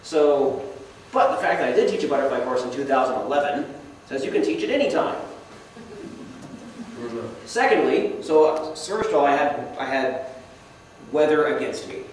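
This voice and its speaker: A man's voice: medium pitch, animated, normal speed. A young man giving a casual slideshow talk to a club, self-deprecating and asking the audience questions. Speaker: guest speaker. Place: meeting hall. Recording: echoey hall, speaker far from the mic, faint noise.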